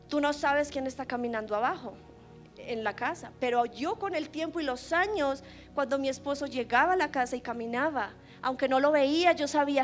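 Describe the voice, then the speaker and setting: Woman preacher, high voice, fervent sermon with quiet storytelling turns, soft music bed. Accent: Latin American Spanish. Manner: swings from loud fervent preaching to hushed storytelling. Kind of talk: sermon with personal testimony.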